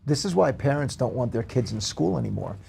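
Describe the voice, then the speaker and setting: A man's voice: mid-range voice, expressive, fairly quick, vocal fry, mellow, slight background noise. A man from Queens, New York, chatting casually on a talk show and telling stories in a conversational way. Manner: conversational, anecdotal storytelling.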